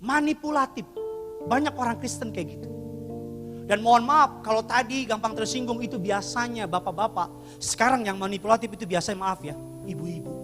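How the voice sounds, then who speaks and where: High-voiced pastor preaching over music. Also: male voice, fairly quick, in a large hall. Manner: animated, acts out dialogue, shouts for emphasis. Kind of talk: lively comic sermon. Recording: live music behind him.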